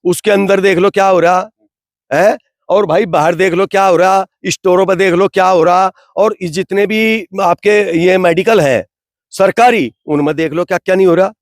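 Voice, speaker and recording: Brief: fired-up man, high voice, dry sound, rhetorical and indignant. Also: normal speed, no room sound. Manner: rhetorical, indignant, repeats "bhai". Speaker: interviewee from the community. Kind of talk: impassioned street interview.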